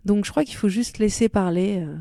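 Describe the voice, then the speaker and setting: She talks briskly in a medium-pitched, mellow voice, and the studio recording is clean with no room sound. Thoughtful about her own songs, this Arabic-speaking singer-songwriter chats easily with an interviewer, repeatedly restarting as she looks for the right expression.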